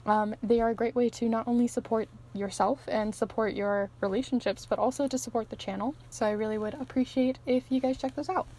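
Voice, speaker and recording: A woman who is losing her voice gives an easygoing, chatty tarot reading to her viewers, with soft laughs between phrases. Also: on the high side, steady tone, brisk, few pauses. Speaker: tarot reader and channel host. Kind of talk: pick-a-card tarot reading to camera.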